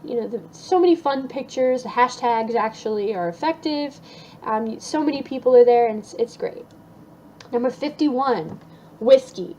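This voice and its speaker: A woman's voice: fairly high pitch, normal speed, dark tone, slight background noise, low-quality recording. A young woman chatting casually through a list of her favorite things, upbeat with lots of ums and restarts. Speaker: vlogger.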